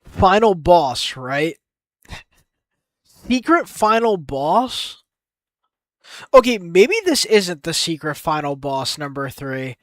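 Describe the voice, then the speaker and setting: A young man streaming his game development, thinking aloud in an excitable, casual way and swearing now and then. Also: fairly high pitch, slow, pauses often, no room sound. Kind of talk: casual live-stream brainstorming.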